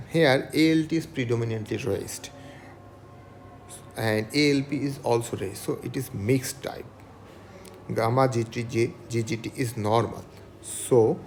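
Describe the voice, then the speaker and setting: Man, gravelly voice, teaching a medical case, faint noise behind. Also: medium pitch, measured pace, a little mellow. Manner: asks questions then answers, lists items. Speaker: medical lecturer. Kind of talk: clinical case lecture.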